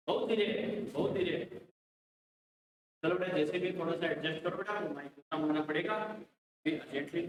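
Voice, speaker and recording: High-voiced Indian man teaching, echoey. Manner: addresses students as beta, repeats hello mic checks. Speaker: chemistry teacher. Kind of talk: online class, checking audio with students. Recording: echoey distant mic, faint noise.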